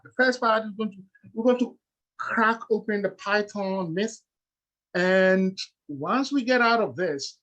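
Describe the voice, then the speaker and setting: A man's voice: high-pitched, low-quality recording. A middle-aged man with a Ghanaian accent gives a lecture-style presentation, explaining step by step with frequent "uh"s and "okay"s.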